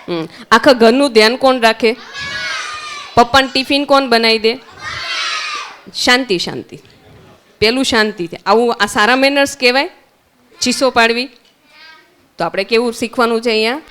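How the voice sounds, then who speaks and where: A woman's voice: a little high, fairly bright tone, smooth. A woman with a Gujarati accent, teaching young children at a summer camp, asking them questions and answering them herself. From Gujarat, India.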